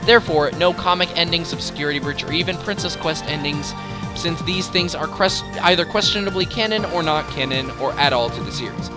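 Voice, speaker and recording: Over background music, a man with a fairly high voice narrates a scripted countdown for a video essay. He speaks a little fast, bringing enthusiasm and emphatic, dramatic flair to the voice-over.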